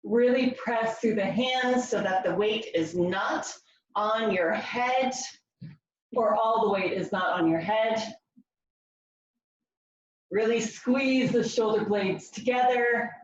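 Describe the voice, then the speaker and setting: A woman with a somewhat high voice coaches a floor workout in an encouraging way, cueing each movement step by step. She takes her time between instructions. The sound is very echoey, picked up from a distance in the room. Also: slow, pauses often. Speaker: fitness class instructor. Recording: very echoey room, distant mic, slightly dull.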